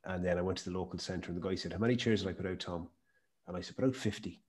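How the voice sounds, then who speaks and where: Talking rapid-fire in a deep, steady, husky voice with a darkish tone, a man from County Mayo tells stories emphatically. He's appearing as a podcast guest, a health and performance speaker with a west of Ireland accent, in a conversational interview.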